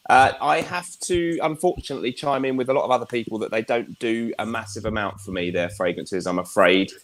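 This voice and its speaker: A man's voice: medium pitch, a little fast, a bit bright. A man joining a video call as a guest, hesitant and apologetic, with many fillers. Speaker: guest reviewer. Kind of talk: casual group chat.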